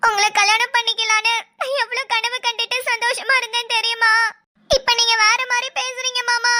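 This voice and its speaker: A sulky, lovesick young woman in a cartoon, as a woman acts her out, complaining tearfully in a very high, bright voice. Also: level tone, brisk, dry recording, exaggerated voice. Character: sulky lovesick girl cousin Angavai. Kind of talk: cartoon voice acting.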